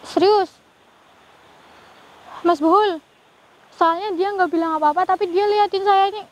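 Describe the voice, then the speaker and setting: A woman with a very high voice hosts a ghost-hunting vlog. She sounds nervous throughout and keeps breaking into murmured prayers. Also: fairly even intonation, unhurried, poor audio. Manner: fearful, praying aloud often. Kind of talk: live paranormal investigation vlog.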